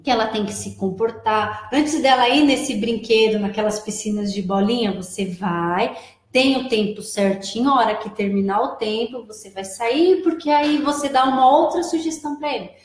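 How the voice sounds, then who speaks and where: In a live advice chat, a guest who directs preschool operations explains things patiently, repeating her key phrases. Her voice is on the high side at a moderate pace, and the room is echoey.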